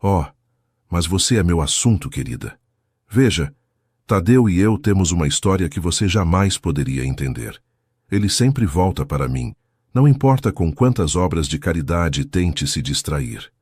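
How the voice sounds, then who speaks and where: Guy reading a jealous venomous woman, fake sweet, deep husky voice, dry sound. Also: expressive, moderate pace, darkish tone, dry recording. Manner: falsely sweet, cutting.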